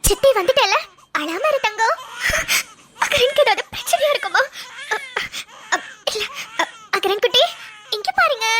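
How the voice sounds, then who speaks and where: A woman's voice: extremely high pitch, background noise. A woman voicing a doting young aunt in a cartoon, cooing in baby talk. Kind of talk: cartoon voice acting.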